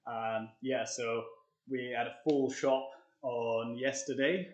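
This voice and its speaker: Chatty breathless fitness coach. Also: male voice, mid-range voice, steady tone, takes it slowly. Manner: chatty and upbeat, coaching between sets. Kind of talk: live-streamed workout tutorial. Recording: echoey room.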